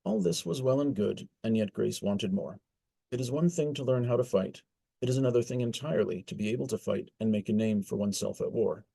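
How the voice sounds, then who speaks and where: A man telling a historical persona's backstory in formal storytelling narration, with measured, old-fashioned courtly phrasing. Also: on the low side, gravelly, dark tone, husky. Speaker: storyteller recounting his historical reenactment persona.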